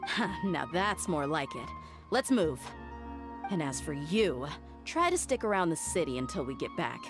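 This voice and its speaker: A low-voiced, tough mercenary. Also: female voice, sing-song, moderate pace, music in the background. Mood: stern, threatening. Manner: curt, commanding, dry. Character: tough, blunt female mercenary, cool and threatening. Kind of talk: scripted video game dialogue.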